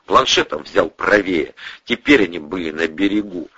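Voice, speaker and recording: A man narrates an audiobook in a low, husky voice with a bright, forceful edge. His intonation swings widely as he reads. The recording is dull and lo-fi, dry and close to the mic. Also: normal speed, no echo. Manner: expressive reader who voices every character.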